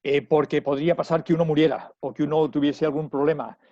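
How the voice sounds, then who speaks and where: A man's voice: fairly high pitch, level tone, quick pace, mellow, no echo, highs cut off. A man speaking as the lecturer, answering audience questions after a talk with friendly but hesitant replies, heard through online call audio.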